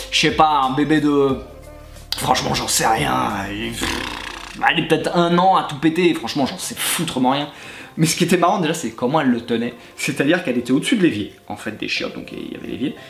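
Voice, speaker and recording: Man telling crude stories in an echoey room. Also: on the high side. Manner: animated, crude and laughing, addresses the listener directly. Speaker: YouTuber recounting his time as a gym coach. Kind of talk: comedic anecdote storytelling to the viewer. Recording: echoey room with faint background music.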